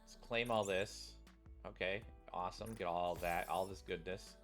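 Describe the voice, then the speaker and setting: Deep and fairly bright, this man's voice moves at a moderate pace with fairly even intonation. As a game streamer, he talks casually and rambles to viewers, alternating commentary with reading story text aloud while game music plays.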